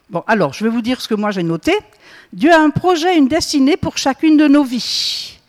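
A woman with a fairly high voice leads an interactive Bible study in a hall with long reverb. She poses questions to the group and often tags her sentences with "hein?" and "hmm?"

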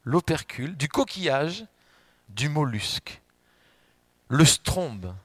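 A man preaching a sermon, swinging between loud emphatic outbursts and quiet asides and putting questions straight to the congregation. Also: a little high, sing-song, slow, slightly rough, no room sound. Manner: addresses the congregation directly with questions.

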